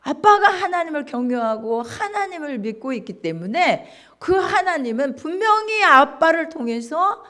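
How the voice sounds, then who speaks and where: Female pastor, emphatic sermon delivery, high and very animated pitch. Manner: emphatic, rhetorical questions.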